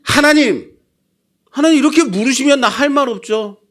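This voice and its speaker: A man's voice: very high voice, normal speed, fairly bright tone, voice pushed up. A man doing a defiant, protesting sufferer. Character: defiant man refusing to answer further.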